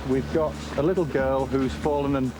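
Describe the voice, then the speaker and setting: A man speaking as a rescue team leader, giving clear briefings and reassurance. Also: medium pitch, steady tone, normal speed. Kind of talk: briefing and radio instructions. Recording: loud music and outdoor sound behind.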